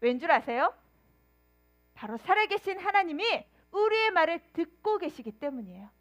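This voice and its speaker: A woman preaching a children's sermon, telling the story in an animated way and asking the children questions. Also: very high-pitched, moderate pace. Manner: animated storytelling, acting out quoted voices.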